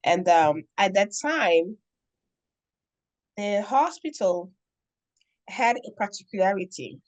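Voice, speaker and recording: A middle-aged woman from the Democratic Republic of Congo, a nonprofit founder, tells a story as an interview guest. Her medium-pitched voice is expressive, and she speaks earnestly and deliberately with many pauses.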